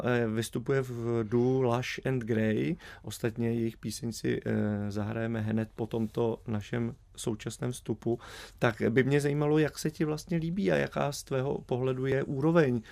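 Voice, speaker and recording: Male radio presenter, average pitch; hesitant, rambling interviewer. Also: creaky, darkish tone. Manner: hesitant, drawn-out questions with fillers. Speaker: radio host.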